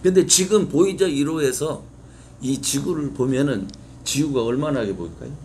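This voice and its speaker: A man's voice: mid-range voice, normal speed, darkish tone, slight background noise. A male pastor preaching an impassioned sermon, putting rhetorical questions to his congregation. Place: church sanctuary.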